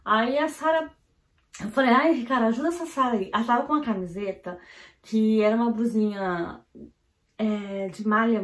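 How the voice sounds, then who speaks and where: In a casual at-home vlog, a woman from Brazil who is a mother shares a family story quickly and energetically, leaning on "então, assim" as fillers. The voice sits a bit high, with the echo of a home room around it.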